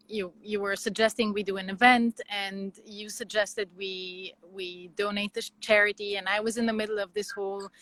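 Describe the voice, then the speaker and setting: Woman, from Lebanon, bright voice, dry sound, halting, restarts often, casual interview guest. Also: medium pitch, no room sound, poor audio. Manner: thoughtful, halting, with many restarts. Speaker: guest designer.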